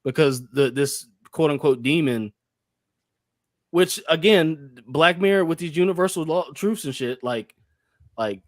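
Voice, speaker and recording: A man's voice: fairly high pitch, a little slow, dry recording, clean studio sound. A man co-hosting a podcast, talking in a loose, rambling way with lots of fillers and swearing. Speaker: podcast co-host. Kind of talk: casual chat.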